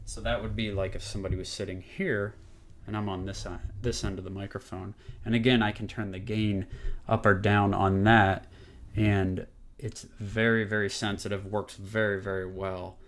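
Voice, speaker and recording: A man's voice: lowish voice, flat delivery, normal speed, fairly bright tone. A man casually talking through a microphone test at home, rambling with fillers and moving closer and farther from a desk condenser mic. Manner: easygoing, rambling, lots of fillers. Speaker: tech reviewer. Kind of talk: casual product demo. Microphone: condenser desk microphone, distance changing.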